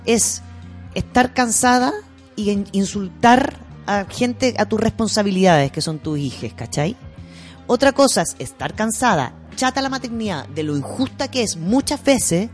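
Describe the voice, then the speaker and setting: A woman's voice: mid-range voice, lively intonation, a little slow, soft background music. A woman with a Chilean accent in casual talk, telling stories animatedly, acting out quotes and swearing freely. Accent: Chilean Spanish. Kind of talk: casual chat.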